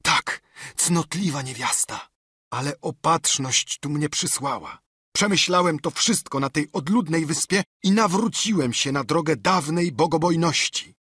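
A man's voice: a little high, a little slow, slightly rough, dry recording, studio quality, pitched above the performer's own voice. A man voicing a half-mad marooned castaway who is eager, wheedling and keeps repeating himself. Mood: confiding. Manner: excitable, pleading, repeats himself.

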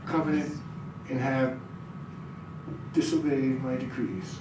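A man's voice: mid-range voice, fairly even intonation, slow, distant mic. A middle-aged man as pastor delivering a sermon in a small church room, reading scripture aloud and quizzing the audience. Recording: very echoey room, heard from afar, noisy.

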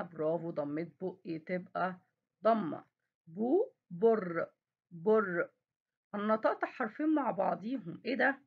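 Raspy-voiced Egyptian woman teaching kindergarten. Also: mid-range voice, muffled recording. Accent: Egyptian Arabic. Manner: slow, drawn-out sounding of letters and praise to pupils. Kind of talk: recorded online lesson.

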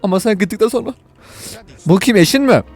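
Fast-talking, foul-mouthed male gamer. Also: sits high, no room sound, soft background music. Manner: profane, joking and excitable. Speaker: gaming YouTuber. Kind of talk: excited gameplay commentary.

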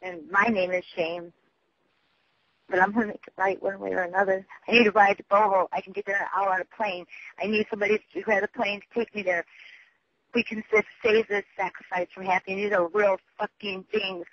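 A man with a high-pitched voice leaves a long, rambling voicemail message. He speaks haltingly, loses his thread and swears as he goes. The sound is dull and lo-fi, like a telephone recording. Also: little pitch movement. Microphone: phone.

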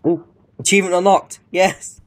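A man doing let's-play commentary, excitable and swearing at the game while muttering to himself. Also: high-pitched, normal speed, vocal fry. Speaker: gamer.

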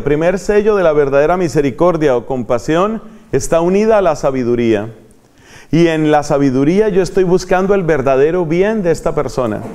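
A man's voice: a little high, darkish tone. A man with a Colombian accent preaching a retreat sermon, repeating key phrases for emphasis and answering his own questions. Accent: Colombian Spanish.

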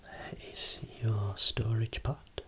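A voice whispering slowly and softly, showing eye-clinic equipment as an ASMR role-play optometrist. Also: mid-range voice, level tone. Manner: soft unvoiced whispering, explaining slowly.

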